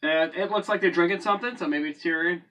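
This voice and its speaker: A man with a bright, fairly high voice talks hesitantly, pausing with ums while he hunts for names. He is recorded from some distance. The talk is casual conversation between co-hosts. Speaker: co-host of a movie review show. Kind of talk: casual chat.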